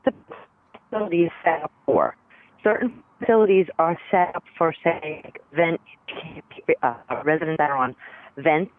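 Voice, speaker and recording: A woman's voice: low voice, animated, moderate pace, no room sound. A woman nurse calling in to a talk show over a bad phone connection that keeps breaking up, speaking hesitantly with fillers like "you know". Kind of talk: casual phone-in chat. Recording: tinny dry phone line.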